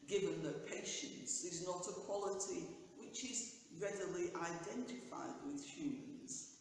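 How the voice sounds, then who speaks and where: An older woman priest gives a measured reflection and prayers, seated in a small church pew. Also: lowish voice, a little hiss or hum. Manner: measured, careful delivery. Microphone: camera at a distance. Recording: echoey church from far off.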